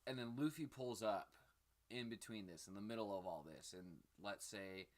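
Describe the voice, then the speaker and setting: A man's voice: fairly low pitch, normal speed, darkish tone. A man hosting his own channel, talking through his theories in a rambling, filler-heavy, casual sit-down chat. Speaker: channel host.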